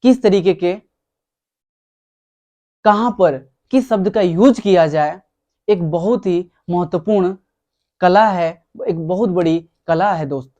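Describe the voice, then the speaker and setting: A man's voice: high voice, takes it slowly, long pauses, mellow. A man giving a motivational talk who speaks emphatically, repeats his key words and calls his listeners friends.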